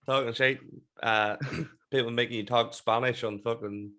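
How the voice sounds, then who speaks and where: A man's voice: mid-range voice, steady tone, moderate pace, pushed and bright. A young man with a Northern Irish accent hosting an informal, sweary podcast interview into a close mic. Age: young adult. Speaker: podcast host. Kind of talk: casual interview chat. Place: small room at home, on a video call. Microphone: close desk microphone with headset.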